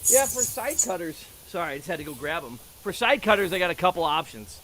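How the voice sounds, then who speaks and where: A man's voice: sits high, big pitch swings, fast talker, sharp tone, a little hiss or hum, rough recording. A man chatting casually and talkatively, with joking asides, as he shows off things. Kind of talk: casual chat about tools.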